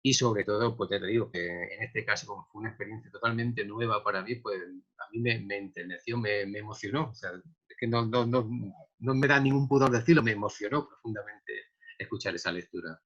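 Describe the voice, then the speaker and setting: A man from Andalusia with a softened Andalusian accent, a poet speaking reflectively and hesitantly in an interview. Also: fairly low pitch, brisk, breathy edge, highs cut off. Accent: softened Andalusian Spanish. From Andalusia, Spain. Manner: reflective, hesitant, many repeated words. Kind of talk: remote interview conversation.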